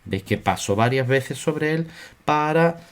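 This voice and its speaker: A man teaching a drawing lesson, talking slowly and repeating his instructions calmly. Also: mid-range voice. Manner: slow, repetitive, soothing instruction. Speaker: art teacher. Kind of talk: drawing tutorial.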